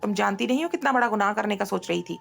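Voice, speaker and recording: Soft pleading young husband, gravelly, plain pitch, a woman reads him. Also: animated, very fast, faint music behind. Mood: tender. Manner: pleading and tender.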